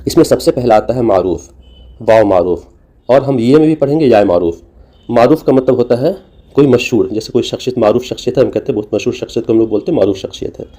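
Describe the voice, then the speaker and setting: A man teaching a language lesson, explaining slowly and patiently with many repeated examples and small fillers. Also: medium pitch, animated, warm tone.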